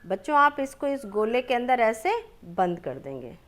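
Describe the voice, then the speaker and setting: A woman teaching young children, reading words aloud slowly and drawn out, asking questions and then answering them herself. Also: on the high side, sing-song. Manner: slow and drawn-out, stretches each word.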